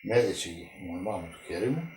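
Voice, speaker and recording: A man's voice: on the low side, animated, darkish tone. Elderly village man, echoey room. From Greece. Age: 90s. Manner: halting, repetitive storytelling. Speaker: witness interviewee. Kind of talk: oral history interview. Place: village home indoors. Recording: echoey room with faint noise.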